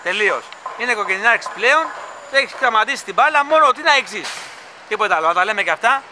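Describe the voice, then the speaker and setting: A man's voice: sits high, animated. Chatty man vlogging outdoors, site noise. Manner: chatty, rambling, enthusiastic fan talk. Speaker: vlogger filming a stadium construction site. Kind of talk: casual on-site vlog narration. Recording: loud construction site noise.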